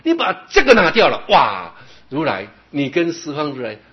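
A man's voice: fairly high pitch, huge pitch swings, normal speed. A man giving a Buddhist sermon, emphatic and constantly checking with his listeners. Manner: emphatic, keeps asking "right?". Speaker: Buddhist teacher. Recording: dull lo-fi recording.

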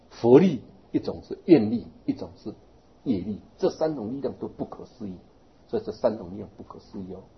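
A man giving a Buddhist Dharma talk, animated and rising to emphatic exhortation. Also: on the low side, gravelly, dull audio, a little hiss or hum. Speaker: Buddhist teacher.

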